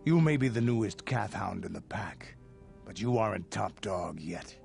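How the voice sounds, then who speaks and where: A tough merc, gravelly, blunt, music under him. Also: male voice, fairly low pitch, animated, normal speed, darkish tone. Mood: gruff. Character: gruff, hardened male mercenary.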